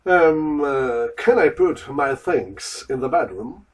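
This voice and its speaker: A man slowly and carefully repeating lines for a language lesson. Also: medium pitch, expressive, distant mic, low-quality recording. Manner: slow, careful, repetitive. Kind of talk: slow repeat-after-me drills.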